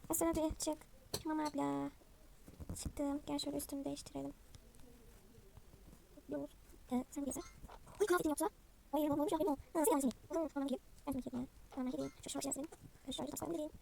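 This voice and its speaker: High-pitched girlish narrator voicing dolls. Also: steady tone, a little fast, creaky, pauses often, dark tone, a little hiss or hum. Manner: voices several characters by herself, chatty. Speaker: channel host playing a dollhouse game. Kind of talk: playful role-play narration of a game.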